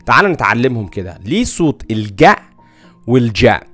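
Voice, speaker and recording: A man's voice: medium pitch, big pitch swings, fast talker, music in the background. A man with an Egyptian Arabic accent teaching an English phonics lesson and reading example words one at a time.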